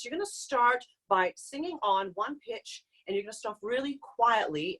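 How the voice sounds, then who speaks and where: Over a video call, a woman vocal coach with a medium-pitched voice leads a live online group singing lesson. She explains exercises and breaks into loud demonstration hoots and calls.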